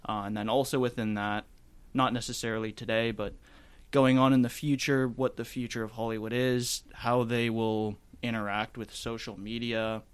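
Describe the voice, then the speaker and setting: A man's voice: medium pitch, little pitch movement, normal speed, smooth. A man co-hosting a casual film podcast in an attic, hesitant and thinking aloud as he goes. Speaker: podcast co-host. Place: indoors in a chilly attic.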